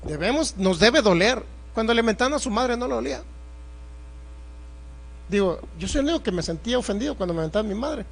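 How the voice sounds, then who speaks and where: A man's voice: high voice, lively intonation, brisk, creaky, pauses often, fairly bright tone. A man preaching a sermon as pastor, emphatic and confrontational, firing rhetorical questions at the congregation.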